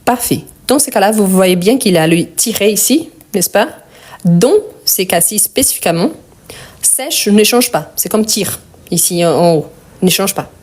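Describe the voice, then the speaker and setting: A woman teaching French grammar in a live online lesson. She patiently repeats each word slowly and asks viewers questions. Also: mid-range voice, animated, a little mellow.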